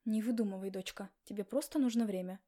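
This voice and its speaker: A woman's voice: mid-range voice, fast, dark tone, close to an everyday voice. A woman voicing a middle-aged mother who talks strictly but sincerely to her daughter, in an audiobook. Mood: caring. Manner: strict yet sincere, reassuring.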